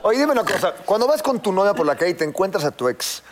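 Blunt high-voiced Mexican man. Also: sing-song, fast talker. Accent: Mexican Spanish. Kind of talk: casual banter.

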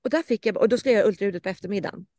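A young adult woman shares a painful personal memory in relaxed podcast conversation. She speaks at a middle pitch and brings each scene to life by acting out what people said. The sound is close and dry, with no room echo. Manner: emotional, acts out quoted dialogue. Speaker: podcast co-host. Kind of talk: personal story in casual chat.

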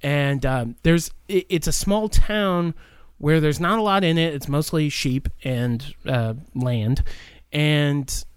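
Podcast co-host, man, rambling casual reviewer with fillers, a bit high-pitched. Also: slow, clear, resonant tone, no echo. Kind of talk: casual movie review chat.

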